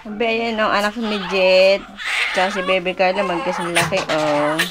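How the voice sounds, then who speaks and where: A woman's voice: mid-range voice, fairly even intonation, moderate pace. Woman cooing baby talk, noisy home video. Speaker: family member filming babies.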